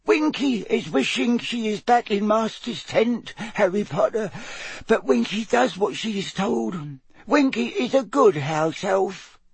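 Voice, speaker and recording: A man voicing a tiny, timid female house elf servant in an audiobook, squeaky and quivering, deferential and anxious, with broken grammar. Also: expressive, creaky, husky, no room sound, heavily acted. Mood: anxious, dutiful. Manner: subservient, broken grammar, drawn-out phrasing.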